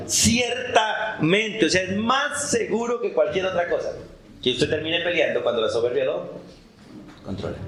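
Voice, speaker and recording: A male pastor preaching a sermon, animated, asking the congregation questions and acting out short dialogues. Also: high-pitched, roomy sound, rough recording. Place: church.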